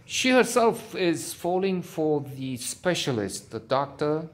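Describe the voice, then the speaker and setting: A man's voice: a little high, sing-song, slow. A man giving a casual spoken film review, hesitant, with many fillers and restarts, now and then getting worked up.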